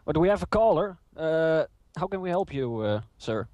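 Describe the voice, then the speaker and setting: Slightly high-voiced, hesitant male host. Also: big pitch swings, normal speed, mellow, dry recording, dull audio. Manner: hesitant, filler-heavy, laughs easily. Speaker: show host. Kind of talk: casual chat with call-ins.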